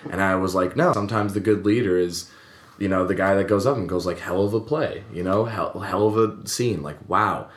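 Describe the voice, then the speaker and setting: A man's voice: sits low, brisk. A man on a casual panel chat who speaks reflectively and hesitantly, with many fillers. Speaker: panel guest. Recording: roomy echo.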